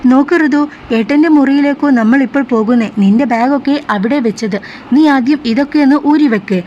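A woman's voice: high-pitched, a little fast, darkish tone, natural voice. A woman voicing a caring young sister-in-law who reassures the bride affectionately, in a slightly muffled recording. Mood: reassuring. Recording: slightly muffled with faint hiss.

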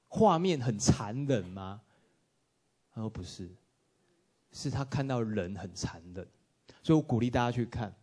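A man giving a lively storytelling talk to an audience at a film workshop, acting out dialogue and laughing often. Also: medium pitch.

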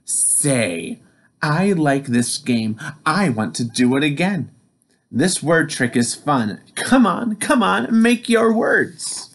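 A storyteller voicing a mischievous, excited male firefly in a children's story, with a high, gleeful, squealing voice. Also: slow. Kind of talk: storybook read-aloud.

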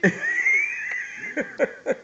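Bright-voiced father coaxing his child. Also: very high-pitched, huge pitch swings, drawn-out words, muffled recording. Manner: coaxing, gentle parental talk. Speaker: father filming his daughter at breakfast. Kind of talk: casual home video chat.

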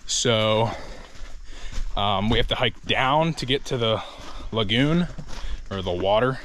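Hiking a rainforest volcano trail, this twentysomething travel vlogger talks casually to an arm's-length action camera. He speaks slowly and expressively in a fairly bright, lowish voice. Faint sounds of the outdoors can be heard.

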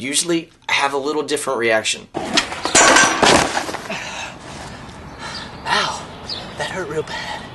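A young man vlogging about skateboarding, his voice hoarse and worn out, joking at his own expense and rambling with fillers. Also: medium pitch, bright, forceful tone. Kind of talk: casual vlog talk to camera.

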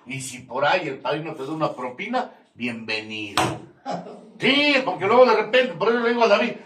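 A man's voice: fairly high pitch, sing-song, brisk. An older man with a Mexican accent speaks to a recovery group, crude, mocking and confrontational, swearing constantly and laughing at his own jabs. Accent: Mexican Spanish. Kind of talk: profane testimony to a support group. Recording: echoey room, mic far off, faint noise.

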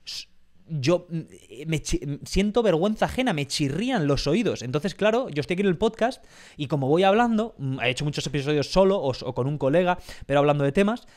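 A man's voice: fairly high pitch, animated, fast, darkish tone. Rambling Spanish man hosting a podcast. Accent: Spain Spanish. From Spain. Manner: rambling, many restarts and fillers. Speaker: podcast host. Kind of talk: casual podcast chat.

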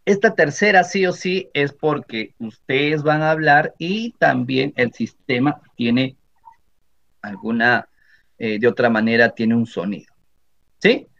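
A man with a Peruvian Spanish accent, teaching a software tutorial for teachers step by step and often checking that his listeners are following. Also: medium pitch, slow, creaky. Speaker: teacher training instructor. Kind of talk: screen-recording software tutorial. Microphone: computer microphone. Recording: slightly dull lo-fi audio.

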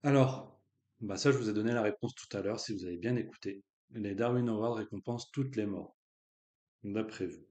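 A man's voice: on the low side, moderate pace, a little mellow. A man hosting a live online quiz in a casual, joking way, with slang and lots of fillers. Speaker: quiz host.

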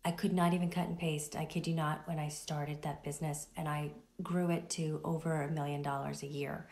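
A woman vlogger answering a viewer's question casually, speaking softly with a morning voice, partly in a whisper. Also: on the low side, echoey room. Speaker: affiliate marketing vlogger. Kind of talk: casual direct-to-camera answer.

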